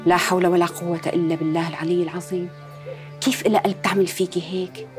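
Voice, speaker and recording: A woman's voice: fairly low pitch, little pitch movement, fast talker, soft background music, lightly acted. An actress playing a kind widowed older lady who coaxes the servant home, speaking with a Damascene Arabic accent. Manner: gentle, coaxing.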